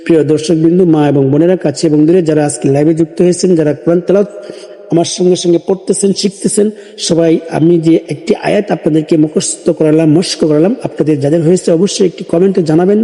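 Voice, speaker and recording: A man teaching Quran recitation in a live online lesson, spelling out letters and vowel marks, then chanting each word slowly for his viewers to repeat. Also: on the high side, steady tone, mellow. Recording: long hall reverb with faint music.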